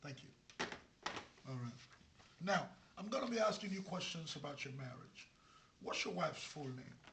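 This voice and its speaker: A man acts a skeptical immigration officer in a comedy sketch. His voice is fairly high and gravelly, and he questions formally and insistently. There is faint noise behind him. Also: expressive, moderate pace. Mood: businesslike.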